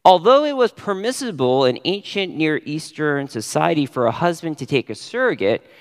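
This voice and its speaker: A man preaching a sermon as pastor, stressing key words with sudden rises in pitch. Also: big-room sound.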